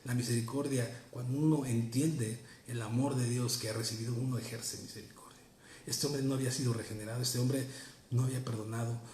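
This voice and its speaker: A man preaching in a church, earnest and instructive, driving his points home by repeating phrases. His voice sits at a middle pitch. It rings out in an echoey room over faint background noise. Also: fairly even intonation, fairly quick, a little mellow. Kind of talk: sermon.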